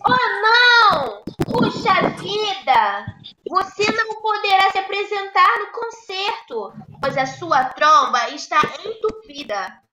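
A woman's voice: sits high, lively intonation, takes it slowly, hardly any pauses. A woman doing a startled, exclaiming tiger. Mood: alarmed. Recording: echoey room with clear noise.

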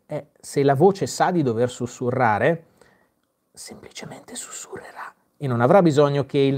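A man's voice: mid-range voice, darkish tone. A man hosting a live Q&A, reading viewer comments aloud and answering them in a casual, chatty way with frequent fillers and restarts. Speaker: host answering viewer questions.

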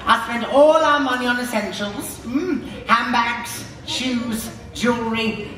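A man playing a shrill, camp, vain and bawdy pantomime dame, theatrically working the audience in a stage comedy. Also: a little slow, distant mic. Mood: cheeky. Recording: echoey theatre stage, music and crowd noise.

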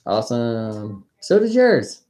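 A woman's voice: a bass voice, big pitch swings, takes it slowly, mellow. A woman hosting a live coin auction stream, chatting casually and calling out bids with a playful auctioneer patter.

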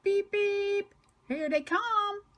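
A woman voicing a cheerful, eager young male tank engine in a children's storybook, repeating short phrases excitedly. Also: very high-pitched, drawn-out words, voice pushed up, full character voice.

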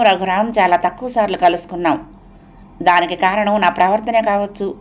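A woman narrating an audio novel, keeping a steady storytelling read and lifting her voice for quoted dialogue. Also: mid-range voice.

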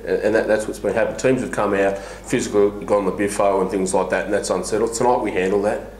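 A middle-aged man speaks bluntly as a coach at a press table, restarting his sentences often. His voice is low, and the small room gives it a clear echo. A faint hiss sits under the recording. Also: fairly even intonation, quick pace, darkish tone. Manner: frank, blunt, lots of restarts and fillers. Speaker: basketball head coach. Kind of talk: post-match press conference. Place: small press room before a sponsor backdrop. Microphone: table mic on a stand.

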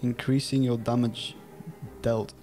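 A young Dutchman with a British-style English accent streams a game from a small room at home, chatting casually, giggling a lot, and reading chat and in-game text aloud. His medium-pitched voice is warm, a little slow, and fairly flat, with soft music in the background.

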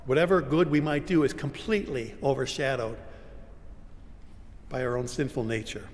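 An older male pastor delivers a sermon at a pulpit, moving between forceful cries and near-whispers. His mid-pitched voice rings with the long reverb of a large church sanctuary. A faint hum of the room sits underneath. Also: moderate pace. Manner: dramatic, swinging between loud cries and hushed whispers.

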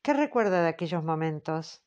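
A woman reading the part of a formal man questioning a witness, slow and patient. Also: low-pitched, lively intonation, a little mellow, lo-fi sound. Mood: probing. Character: measured male examiner, formal and patient. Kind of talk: audiobook character reading.

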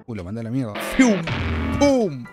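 Excitable Argentine young man gaming. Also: medium pitch, normal speed. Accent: Argentine Spanish. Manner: excitable, swearing, shouting at enemies. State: slightly sick voice. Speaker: gaming youtuber. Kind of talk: casual gameplay commentary. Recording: game music behind voice.

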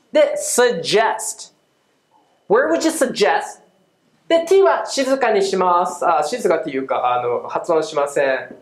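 Upbeat woman teaching pronunciation. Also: medium pitch. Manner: upbeat, drills phrases slowly, cheers catchphrases; mixes Japanese and English. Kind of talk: video pronunciation lesson.

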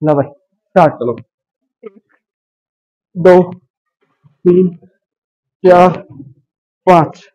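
Slow-talking man gym trainer. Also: sits high, dark tone, muffled recording. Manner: counts reps aloud, addresses viewers as brothers. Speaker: gym trainer and fitness vlogger. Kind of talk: casual workout instruction. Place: large indoor gym. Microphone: lapel.

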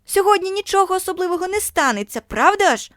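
A woman reading a story aloud, putting on the voices of taunting schoolchildren who shout and jeer. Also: measured pace, no echo, studio quality, exaggerated voice. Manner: shrill, jeering shouts.

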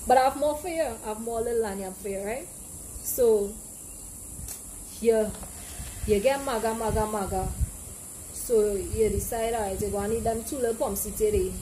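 A woman's voice: fairly high pitch, normal speed, long pauses, warm tone, rough recording. A young woman with a Trinidadian Caribbean accent gives a casual, playful explanation to camera, slipping into local dialect examples. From Trinidad and Tobago. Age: young adult. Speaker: language teacher and presenter. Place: outdoor open porch with trees behind. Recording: clear background noise, outdoor ambience.

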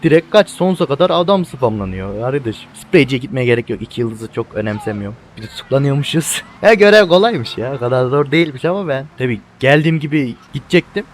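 Excitable man narrating his gameplay. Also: mid-range voice, quick pace, few pauses, a little hiss or hum. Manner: excitable, swears, addresses viewers as friends. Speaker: let's play gamer. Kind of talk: casual gameplay commentary.

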